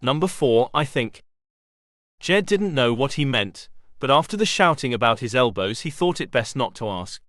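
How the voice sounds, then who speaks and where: A male audiobook narrator reading with expressive storytelling. His voice sits in a middle pitch but moves in lively swings. The recording is dry and close, with no room sound. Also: normal speed, few pauses, dry recording. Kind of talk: scripted narration.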